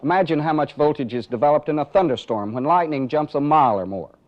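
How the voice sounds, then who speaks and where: A man with a fairly high-pitched voice talks fast while narrating a training film. He walks through a live demonstration methodically, step by step, and poses rhetorical questions along the way. The recording has the dull, band-limited quality of 1980s training footage.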